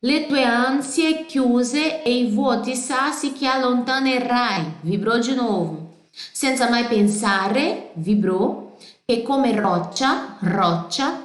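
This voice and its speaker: A Brazilian woman with a Brazilian Portuguese accent teaching Italian pronunciation, singing song lines slowly and explaining in quick bursts. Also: a little high, roomy sound. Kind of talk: pronunciation lesson.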